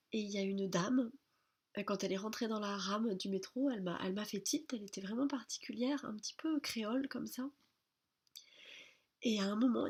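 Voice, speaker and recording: Female vlogger, hushed late-night diary delivery, breathy tone. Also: mid-range voice. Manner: speaks softly, half-whispering because it is late.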